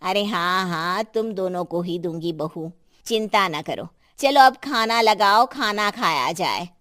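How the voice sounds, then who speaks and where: A woman's voice: fairly low pitch, expressive, a little slow, fairly bright tone. A woman voicing a kind, generous older grandmother who talks soothingly to her daughters-in-law.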